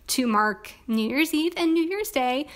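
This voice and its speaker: A young woman in casual chat about her planner, hoarse from losing her voice, talking in a chatty way with lots of filler words. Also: sits high, expressive, a little slow. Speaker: planner vlogger.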